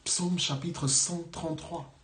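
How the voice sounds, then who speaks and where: A man's voice: a little high, steady tone, slow, fairly bright tone. Man preaching in an echoey room. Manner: earnest, affirming, pastoral.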